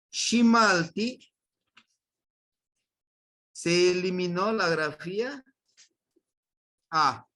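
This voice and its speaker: A man's voice: mid-range voice, fairly bright tone. A man with a Mexican accent teaching a grammar lesson to a class, patiently repeating words and quizzing his students. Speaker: language teacher.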